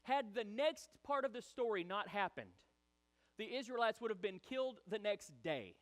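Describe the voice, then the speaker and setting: A man preaching a sermon, animated and chatty, acting out the voices of people in the story. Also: sits high, moderate pace. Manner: animated, acts out quoted voices, chatty asides. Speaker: pastor.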